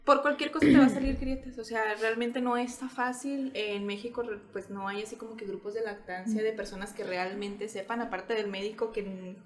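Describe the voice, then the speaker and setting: Frank Mexican woman, slightly high voice. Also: fairly even intonation, a crowd in the background. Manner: frank, slangy, slows for emphasis. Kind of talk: casual chat.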